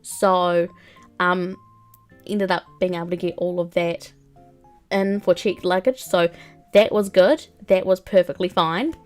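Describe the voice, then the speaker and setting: Soft background music accompanies a young woman's casual chat as she plays a game live on stream. Her lowish voice keeps a fairly even intonation and a measured pace, full of rambling ums and likes, with a slight cold-induced sniffle.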